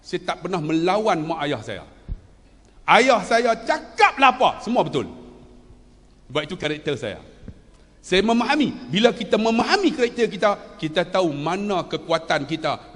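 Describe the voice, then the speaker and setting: A man in his fifties giving an animated, humorous religious talk and quizzing his audience. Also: high voice. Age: 50s. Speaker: religious speaker. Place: large event hall. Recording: long reverb of a big hall.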